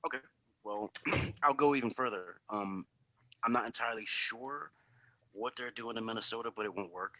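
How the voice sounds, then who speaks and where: A young man co-hosting a casual sports podcast, arguing his point in a low, measured way that turns heated. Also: dry recording, low-quality recording. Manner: argumentative, quiet and measured then heated. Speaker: podcast co-host.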